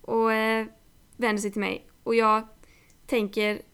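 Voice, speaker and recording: A woman co-hosting a relaxed podcast, her voice sitting a little high. She tells anecdotes in loose conversational chat and swears freely along the way. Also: clear, resonant tone. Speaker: podcast co-host.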